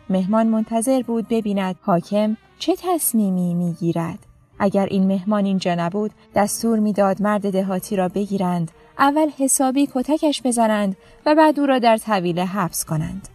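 A woman narrating a story in a calm, even reading voice. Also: mid-range voice, soft background music.

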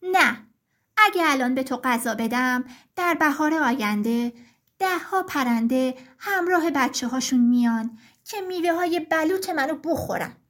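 A woman voicing a big, selfish oak tree in a storybook tale, refusing in a loud, curt way. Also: sits high, animated.

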